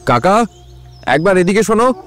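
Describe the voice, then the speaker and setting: A young man voicing a restless, quick-tempered young husband in an audio drama, talking insistently. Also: high voice, sing-song, faint music behind. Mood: asking. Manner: insistent, rising to anger.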